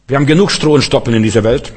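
A man's voice: medium pitch, very fast, slightly rough, big-room sound. A man preaching a sermon to his congregation, emphatic and fond of rhetorical questions, acting out quoted voices.

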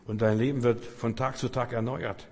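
A man preaching a sermon with emphasis, acting out loud prayers and cries for help. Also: mid-range voice, steady tone, moderate pace. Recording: long reverb of a large hall.

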